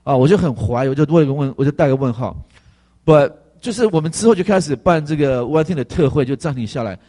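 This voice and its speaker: A male pastor giving a conversational testimony sermon, animated and full of fillers. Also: on the high side, fast talker.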